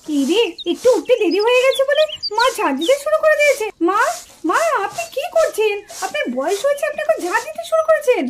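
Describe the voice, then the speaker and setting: A woman's voice: extremely high pitch, very animated, quick pace, noisy background. A woman voicing a caring, bossy young housewife and mother in a puppet show, fussing over her family. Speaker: puppet show narrator and voice actor.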